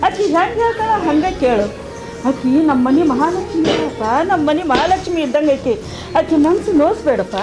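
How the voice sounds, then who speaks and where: A woman's voice: high voice, lively intonation, fairly quick, music in the background. An actress playing a tender old village mother who consoles her son, crying as she soothes him. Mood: tender, reassuring. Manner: soothing, tearful pleading.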